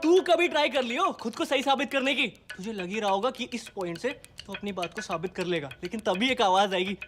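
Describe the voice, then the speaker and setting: A man's voice: sits high, lively intonation, a little fast, a bit bright, faint music behind. An actor playing an exasperated young man who sarcastically rants to a friend in a film monologue. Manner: ranting, sarcastic, venting to a friend. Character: exasperated young man ranting about women.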